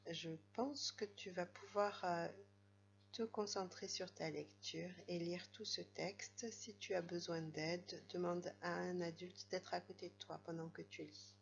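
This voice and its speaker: A woman with a French accent teaching a primary school reading lesson, speaking gently and patiently straight to a child at home. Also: on the low side, steady tone, vocal fry, highs cut off, slight background noise. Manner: slow, gentle, patient, addresses the child directly.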